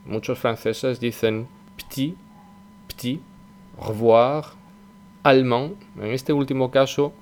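A man from gives a French pronunciation lesson in a low, clear, resonant voice. He explains patiently and repeats each sound slowly. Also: darkish tone. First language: Spanish. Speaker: French teacher.

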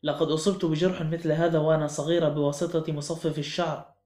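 A man's voice: a little high, flat delivery, fast talker, darkish tone, natural voice. A man voicing a stern older Englishwoman who owns the house, speaking sharply and commandingly in an audiobook reading. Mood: calm. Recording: echoey room with faint music.

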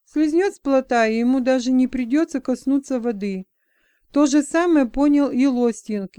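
A woman narrating a story in a measured, even reading voice. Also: high-pitched, clean tone, no room sound. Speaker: audiobook narrator. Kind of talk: scripted narration.

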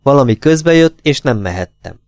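A man's voice: medium pitch, lively intonation, darkish tone, no echo, studio quality, voice pushed up, lightly acted. A man reading an audiobook voices a proud, defensive woman who answers with defiant agitation. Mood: agitated. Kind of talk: audiobook character voice.

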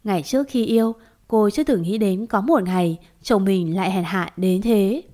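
A woman's voice: medium pitch, moderate pace, dark tone. Woman narrating a dramatic audio story.

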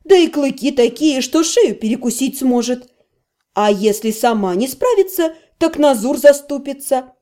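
Animated high-voiced woman narrator. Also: moderate pace. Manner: expressive, animated reading. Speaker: audiobook narrator. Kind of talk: first-person audiobook narration.

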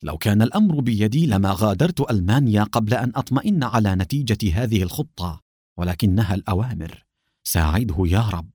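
A man's voice: fairly low pitch, animated, very fast, hardly any pauses, a little mellow, slightly rough, dry recording, clean studio sound. A man reading aloud, voicing a worried young female lieutenant in an anxious, pleading manner.

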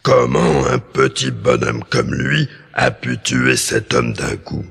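A man voicing a huge, gruff male giant in a storybook cassette, slow and growling. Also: rumbling low, huge pitch swings, fairly bright tone, voice pushed down, exaggerated voice. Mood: doubtful. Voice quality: gravelly. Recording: long hall reverb.

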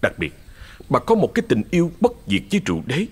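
Brief: male ghost-story narrator, husky, animated delivery. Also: a little high, fast talker. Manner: expressive storyteller.

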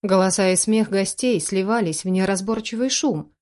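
A woman's voice: medium pitch, moderate pace, darkish tone. A woman reading a first-person story aloud as an audiobook narrator, with an emotional, dramatic delivery.

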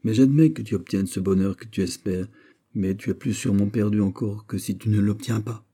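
A man's voice: lowish voice, fairly quick, dark tone, slightly rough. A man voicing a lovesick, jealous young nobleman in an audiobook, speaking with impassioned pleading.

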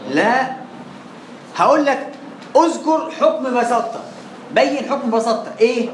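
Unhurried and very high-voiced, an Egyptian-accented teacher leads a Quran recitation class, drilling pronunciation and answering the questions he poses himself. The room sounds echoey, with faint noise in the background.

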